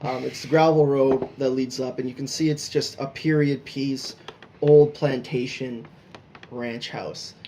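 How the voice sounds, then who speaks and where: A man's voice: medium pitch, fairly even intonation, unhurried, warm tone, slight background noise. Casual man running a tabletop game. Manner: loose, joking, with fillers. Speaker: game master. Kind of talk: narrating a tabletop horror game.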